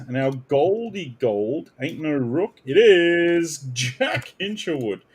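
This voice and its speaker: Man, card break host, casual chatter, lively swooping pitch, sudden loud shouts of card names. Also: slightly rough. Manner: animated, bursts out loudly calling card names. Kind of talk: casual live card-opening chat.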